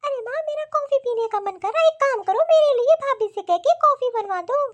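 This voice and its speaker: Cartoon daughter, voiced by a woman: whiny, demanding, extremely high-pitched. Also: lively intonation, brisk. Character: spoiled young married daughter, demanding and indignant. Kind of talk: cartoon voice acting.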